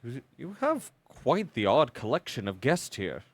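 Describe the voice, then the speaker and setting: A man plays a young noble son who is formal and flustered, stumbling and apologizing as he speaks. His pitch rises and falls a lot, and the delivery is slow and unhurried. The sound is dry and close. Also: very animated, dry recording. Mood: earnest. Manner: formal, stammering, self-deprecating.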